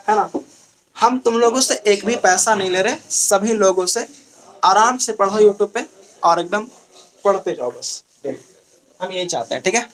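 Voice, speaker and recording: A young male teacher with a Bihari Hindi accent, teaching a live online class. He asks a question and answers it himself, and he repeats key terms slowly. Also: high voice, a bit bright. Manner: call-and-response questioning, drawn-out repetition.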